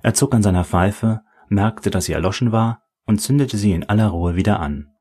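Deep husky guy narrating an audiobook, calm and even. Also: moderate pace. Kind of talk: scripted narration.

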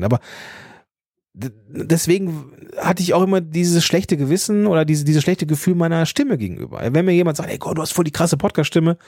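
A man's voice: on the high side, darkish tone, dry recording, studio quality. A German man in his thirties hosting a podcast, thinking aloud in a personal monologue, with restarts, fillers and a slight stutter on some consonants. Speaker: podcast host.

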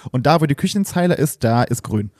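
A man chatting casually on a podcast, telling stories in an animated, exaggerated way. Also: on the high side, fairly quick, no room sound, clean studio sound. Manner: animated storyteller who exaggerates for laughs. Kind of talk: casual chat.

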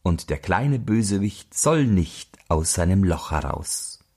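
A man voicing a tired female owl on guard in a storybook reading, close to his own husky voice. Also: low voice, very animated, takes it slowly, darkish tone, heavily acted. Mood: drowsy.

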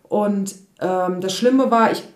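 A woman telling a personal story in a lively, animated way, acting out the voices of the people in it. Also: mid-range voice, takes it slowly. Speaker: storyteller recounting a riding accident. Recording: echoey room.

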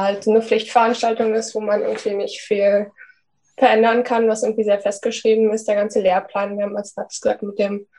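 A woman's voice: mid-range voice, mellow, low-quality recording. A young woman student giving a thoughtful, hesitant view on a video call. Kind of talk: panel contribution.

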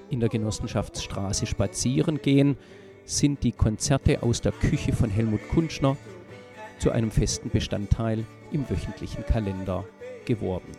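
Gravelly male podcast reporter. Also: mid-range voice, dark tone. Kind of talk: scripted podcast intro and street interview.

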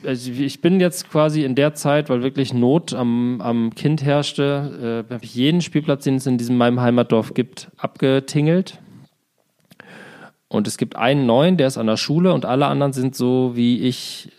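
A man's voice: mid-range voice, normal speed, darkish tone. A man in his thirties, co-hosting a casual chat, rambling with many fillers and dry jokes. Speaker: podcast co-host.

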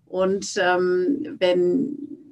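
A woman's voice: lowish voice, monotone, extremely slow, darkish tone. A woman being interviewed as a founder, speaking thoughtfully and often repeating words as she searches for them. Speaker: guest, founder. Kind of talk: conversational interview. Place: office space.

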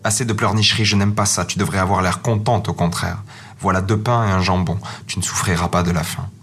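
A man's voice: low voice, fairly even intonation, a little fast, fairly bright tone, husky, faint music behind, heavily acted. A man voicing a spoiled, fierce little robber girl who bosses and threatens in a storybook reading. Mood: teasing. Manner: bossy, threatening.

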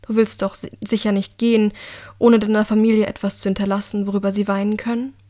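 Picture a composed young woman who threatens without ever raising her voice, as a female narrator voices her. Her words stay quiet, measured and icily polite, as in a dark audiobook. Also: medium pitch, flat delivery, close to an everyday voice. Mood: quietly menacing. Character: calm, coldly menacing young woman assassin.

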